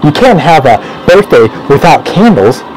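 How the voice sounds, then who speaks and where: A man's voice: on the high side, sing-song, normal speed, a little mellow, a little hiss or hum, low-quality recording. A man doing a giddy nine-year-old boy. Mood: excited. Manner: gushing, childlike delight, munching sounds. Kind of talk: solo animation voice acting.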